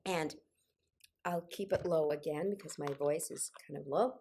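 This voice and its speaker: Her low, creaky, mellow voice carries at a moderate pace over slight background noise. She is an older choir leader and singing instructor, recovering from a cold, guiding a group through singing on a video call with encouragement, direction, and the odd personal aside.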